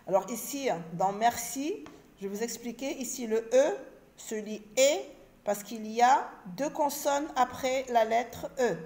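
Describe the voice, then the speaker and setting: A woman teacher leads a children's reading lesson at an unhurried pace, sounding out letters and syllables one by one. Her voice sits fairly high, and she says each word twice with careful, clear articulation. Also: warm tone. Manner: slow, clearly spelled-out syllables and repeated words.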